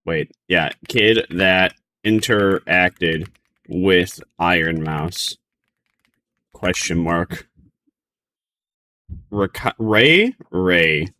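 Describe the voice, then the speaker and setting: A man's voice: low-pitched, lively intonation, very slow, pauses often, sharp tone, slight background noise. A man streaming casual reaction commentary, rambling in a bemused, hesitant way.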